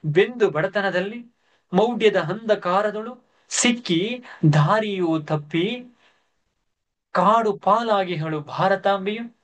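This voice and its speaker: A man's voice: high-pitched, slow, long pauses, voice pushed up. A man voicing an earnest, troubled young prince who speaks in declaimed verse.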